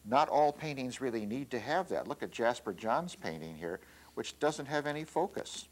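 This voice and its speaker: A middle-aged man teaching art as he demonstrates, relaxed and halting, with many fillers and restarts. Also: mid-range voice. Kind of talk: instructional demonstration.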